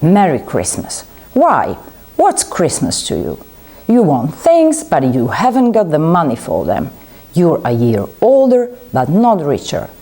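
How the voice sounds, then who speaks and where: A woman's voice: sits low, huge pitch swings, unhurried, mellow, breathy edge, heavily acted. Scrooge, a woman doing a grumpy old miser. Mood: angry. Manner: snapping, scornful outbursts. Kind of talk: storybook reading aloud.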